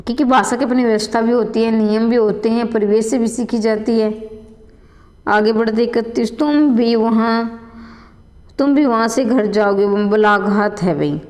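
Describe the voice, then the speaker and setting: Female coaching teacher, high-pitched, explains and repeats every answer; reverberant room. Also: a little mellow. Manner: addresses students as children, repeats questions and answers aloud. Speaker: Hindi exam coaching teacher. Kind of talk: exam answer walkthrough lesson.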